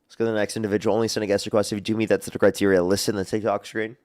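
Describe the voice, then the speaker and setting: A man hosting a livestream debate, screening callers in a fast, repetitive patter. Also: on the low side, little pitch movement, darkish tone. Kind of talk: casual livestream talk.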